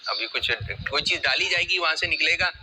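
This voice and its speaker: A man's voice: a little high, bright, forceful tone, slightly rough. A man co-hosting a children's lesson, asking the teacher playful, naive questions about how the sounds are made. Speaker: co-host.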